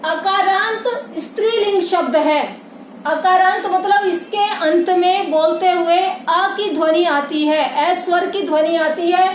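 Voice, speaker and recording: High-voiced woman teaching grammar, echoey room. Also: slow. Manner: patient, repeats points, calls students "beta", frequent check-ins. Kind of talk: classroom grammar lesson. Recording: echoey room with faint noise.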